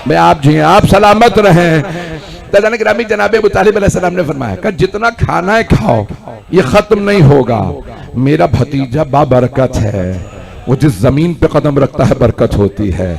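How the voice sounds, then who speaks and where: A man preaching a sermon to a large gathering, building to shouted climaxes and pleading with the listeners for attention. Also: fairly high pitch, animated, normal speed, vocal fry. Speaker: Shia cleric giving a majlis sermon. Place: large hall before a crowd.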